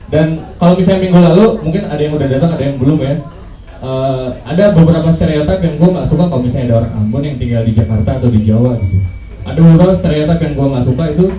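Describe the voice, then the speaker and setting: A man's voice: fairly high pitch, warm tone. A young man from Indonesia doing a casual, slangy stand-up comedy set and bantering with the crowd. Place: open mic comedy venue. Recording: roomy, distant stage recording.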